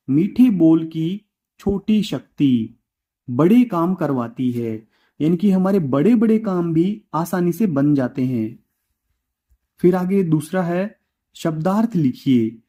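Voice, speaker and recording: A male teacher slowly explaining a workbook homework to children, repeating answers and dictating words one by one. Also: on the high side, mellow.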